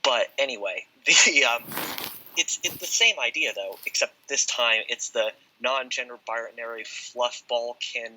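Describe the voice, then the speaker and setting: A man talking as a guest in a casual discussion, quick and emphatic, in a poor recording with popping. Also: mid-range voice, pushed and bright, slight background noise.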